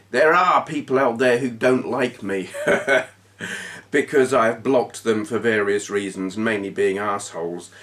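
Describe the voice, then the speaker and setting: A middle-aged channel host with a stuffy nose from a cold chats frankly to camera in a casual talking-head vlog. He's blunt, with restarts and short laughs, and his voice is on the low side and a bit bright, recorded far from the mic.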